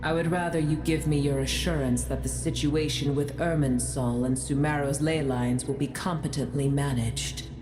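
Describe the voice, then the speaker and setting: An actress playing a proud, scornful ancient female dragon who speaks slowly and with contempt, in a game. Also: low voice, fairly even intonation, close to an everyday voice. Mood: disdainful. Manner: haughty, contemptuous, slow and deliberate. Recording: roomy echo over game music.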